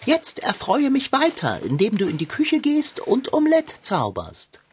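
A woman's voice: a little high, huge pitch swings, a little slow, breathy edge, full character voice. A woman voicing a pompous, greedy male tomcat, a fussy gourmand who talks in flowery, formal phrases. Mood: haughty. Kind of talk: cartoon voice acting.

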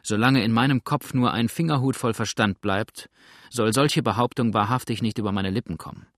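A man's voice: medium pitch, moderate pace, no echo, studio quality, close to an everyday voice. A man reading aloud as a grumbling, blunt old male boatswain in a storybook. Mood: gruff.

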